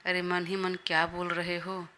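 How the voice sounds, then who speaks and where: A woman's voice: lowish voice, monotone, normal speed, bright, forceful tone, a little hiss or hum. A woman voicing a stubborn, playful young wife who teases, in a Hindi audio story.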